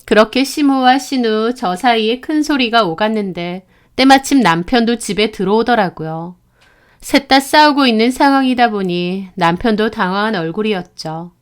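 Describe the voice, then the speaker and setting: A woman's voice: a little high, expressive, normal speed, clear, resonant tone. Firm woman reading a family story. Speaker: story narrator. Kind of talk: first-person story reading with acted dialogue.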